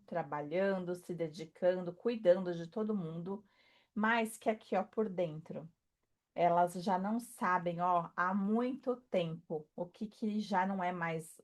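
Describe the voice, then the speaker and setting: A woman speaking as a spiritual coach, talking softly and reassuringly to the listener, with many fillers and tag questions. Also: fairly low pitch. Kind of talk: intimate motivational talk to camera.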